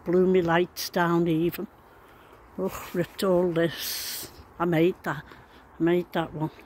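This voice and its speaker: A man's voice: high-pitched, level tone, takes it slowly, darkish tone. A man with a Liverpool accent giving a casual, resigned video commentary in a downcast way, on an amateur recording. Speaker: amateur vlogger. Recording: amateur recording with background noise.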